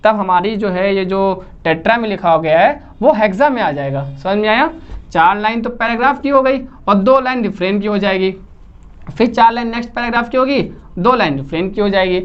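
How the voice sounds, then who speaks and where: A woman's voice: mid-range voice, lively intonation, a little fast, smooth. A woman lecturing as an English literature teacher, who asks her listeners questions, repeats the key terms and keeps checking in with them. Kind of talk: classroom-style lecture. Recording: slightly muffled recording.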